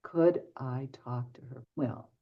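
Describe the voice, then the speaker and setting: Guesting on an interview show, an older medium shares anecdotes, acting out both halves of each conversation. She speaks slowly, with an extremely low pitch. The podcast audio is dull and lo-fi.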